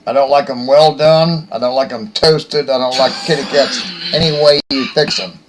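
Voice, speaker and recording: A man hosting his own show, telling a rambling story in a folksy, rough-spoken, joking way. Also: mid-range voice, steady tone, moderate pace, background noise. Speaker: host. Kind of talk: casual rambling monologue.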